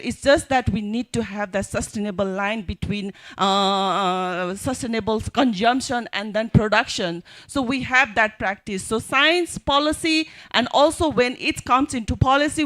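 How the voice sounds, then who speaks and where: A woman speaks on a panel in a fairly high voice. She makes her case off the cuff, in non-native English phrasing. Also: moderate pace, hardly any pauses, fairly bright tone. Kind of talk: unscripted advocacy talk at a panel.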